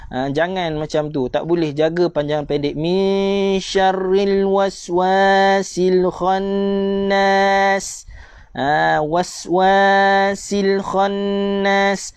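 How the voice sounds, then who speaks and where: A man with a Malaysian Malay accent teaching Quran reading in a live online lesson, drilling sounds again and again and chanting verses slowly. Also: on the high side, a little mellow, no room sound. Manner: drills sounds by repeating, addresses viewers as "tuan-tuan".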